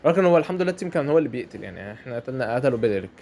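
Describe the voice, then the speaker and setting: A man's voice: medium pitch, very animated, very fast, a little mellow, a little hiss or hum. A man with an Egyptian Arabic accent giving chatty commentary over a mobile game match, often repeating his phrases. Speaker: gameplay commentator.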